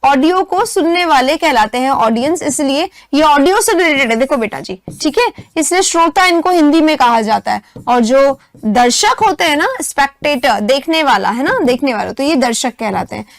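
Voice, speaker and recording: A young Indian woman teaching English vocabulary for an exam, explaining step by step, checking in with her students often, and reading the English prompts slowly. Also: high voice, animated, no echo, clean studio sound. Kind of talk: exam-prep vocabulary lesson.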